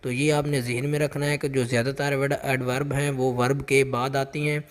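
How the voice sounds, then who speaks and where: A man teaching English grammar for a job test, explaining each answer with lots of repetition and reading the English sample sentences out slowly. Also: medium pitch, little pitch movement, big-room sound. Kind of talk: explaining exam questions.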